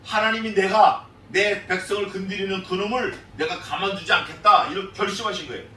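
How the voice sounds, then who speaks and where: A man's voice: high-pitched, a little fast, pushed and bright, slight background noise. A male pastor preaching an expository sermon in an emphatic, repetitive style. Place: church sanctuary. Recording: echoey church sound from a distant mic.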